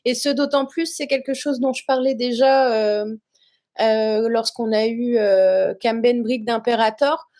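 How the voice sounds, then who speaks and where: Woman, interview host, high voice, long rambling questions, casual. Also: fairly even intonation, unhurried, darkish tone.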